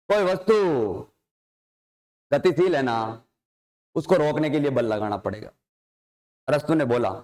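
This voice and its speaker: A man's voice: fairly high pitch, a little mellow. A male science teacher giving an informal coaching-class lecture, repeatedly asking questions and answering them himself. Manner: informal, addresses figures with tu.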